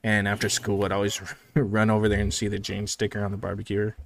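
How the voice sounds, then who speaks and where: A man's voice: fairly low pitch, monotone, brisk, creaky, slight background noise. A young man co-hosting a movie podcast in casual chat, rambling and joking. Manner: rambling, joking, laid-back. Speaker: podcast co-host.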